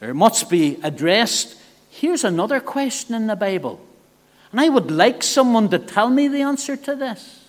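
A man with a notably high voice preaching an evangelistic sermon, his words ringing out with a long church-hall reverb. He speaks earnestly, dropping into quiet, low asides and then rising into loud, pressing appeals to the congregation. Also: big pitch swings, moderate pace.

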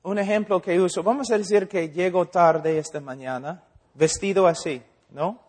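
A man preaching a sermon, animated, acting out dialogues and asking rhetorical questions. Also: high-pitched, moderate pace. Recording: long hall reverb.

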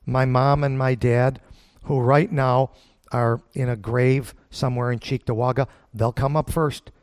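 A man preaching a Bible-teaching sermon in a folksy, plain-spoken way, emphatic, with deliberate pauses and rhetorical questions. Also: medium pitch, flat delivery, darkish tone, no echo, clean studio sound.

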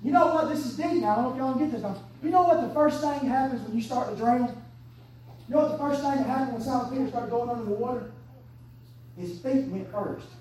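A woman, preaching an impassioned sermon that swings between hushed and shouted. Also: fairly high pitch, a little fast, a little hiss or hum. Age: 30s. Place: church sanctuary. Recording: echoey church from far off.

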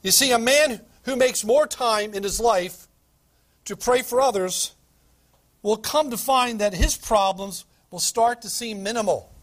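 A man preaching a sermon as pastor, emphatic, with dramatic pauses and repetition. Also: high-pitched, fairly bright tone.

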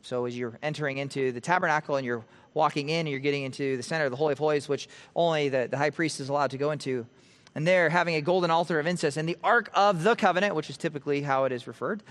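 A male pastor delivers an expository sermon in a church sanctuary. His voice sits a bit high and climbs on emphasized words before falling quiet at the close of phrases. The sound carries a long, hall-like reverb. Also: racing. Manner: animated preaching, rising emphasis and dropping to quiet at phrase ends.

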